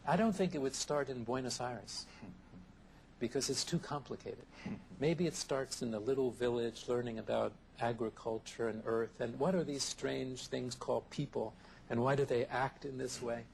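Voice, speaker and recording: A man answering interview questions in a thoughtful, measured way, often listing ideas one after another, heard from a worn VHS tape copy. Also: mid-range voice, steady tone, creaky, a little mellow, slight background noise, rough recording. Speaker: interview guest, therapist.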